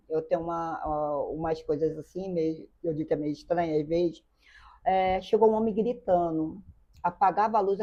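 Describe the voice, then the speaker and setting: Gravelly older Brazilian woman, earnest storytelling. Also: fairly low pitch, mellow. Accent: Brazilian Portuguese. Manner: earnest, repeats phrases, addresses the host by name. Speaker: interview guest. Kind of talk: emotional personal storytelling. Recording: dull lo-fi sound.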